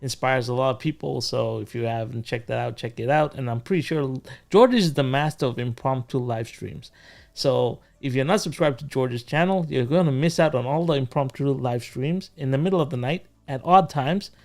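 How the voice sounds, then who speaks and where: A man's voice: mid-range voice, moderate pace, creaky, darkish tone. A man hosting a casual livestream chat, rambling with plenty of fillers and restarts. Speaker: host.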